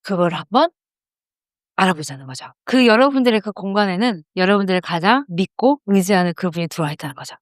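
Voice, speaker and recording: A woman's voice: mid-range voice, animated, fast talker, no echo, clean studio sound. A woman teaching a class on anger and meditation to a live group, asking questions and then guiding them with eyes closed. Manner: asks the audience questions and answers them. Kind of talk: lecture leading into guided meditation. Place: room with a live audience.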